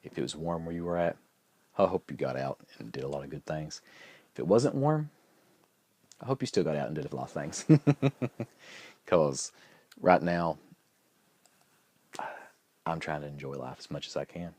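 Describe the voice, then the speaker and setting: A man's voice: rumbling low, animated, moderate pace, pauses often, a little mellow, dry recording. A man vlogging in a chatty, good-humored way, telling a story with lots of restarts and fillers. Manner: rambling, with frequent restarts and fillers. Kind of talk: casual storytelling vlog.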